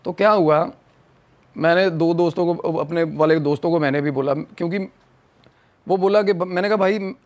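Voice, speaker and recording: A young man tells a true scary story on a podcast. He is animated and acts out the lines of the people in it. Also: a little high, normal speed. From Punjab. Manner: animated, acts out quoted dialogue. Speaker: podcast guest. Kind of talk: casual storytelling.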